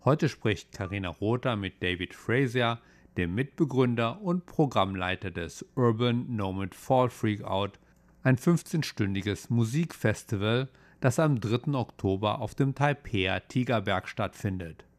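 A man reading the weather and the programme announcements in an even, formal manner. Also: fairly low pitch, a little slow. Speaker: news and weather presenter. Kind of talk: scripted news reading.

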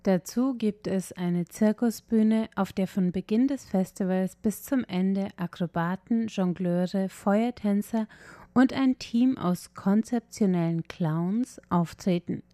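Woman doing radio feature narration, mellow warm voice, dry studio sound. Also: mid-range voice, slow pace, no echo. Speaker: culture reporter.

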